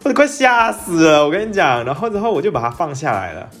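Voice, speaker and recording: A young man, telling a personal story in a casual, animated podcast monologue and dropping English phrases into his talk. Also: fast, soft background music. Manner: animated, jumps up in pitch when excited, mixes in English phrases. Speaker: podcast host.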